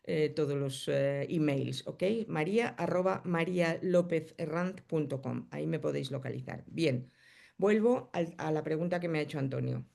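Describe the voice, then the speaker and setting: Hoarse woman teaching a coaching class over a video call, gravelly fry in her voice, talks it through step by step. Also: low-pitched, normal speed, a little mellow. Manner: explains step by step, then reads the chat. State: hoarse, coughing. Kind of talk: live online class.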